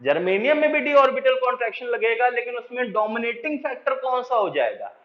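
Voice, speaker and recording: High-voiced male chemistry teacher, echoey room. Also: big pitch swings. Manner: explains step by step, asks and answers his own questions, dictates slowly for notes. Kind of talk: classroom lecture. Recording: echoey room, dull lo-fi sound.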